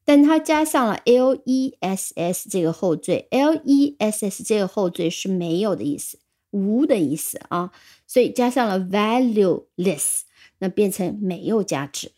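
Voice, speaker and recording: A woman teaching English words in a recorded lesson, explaining patiently and spelling words slowly letter by letter on English. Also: medium pitch, animated, mellow.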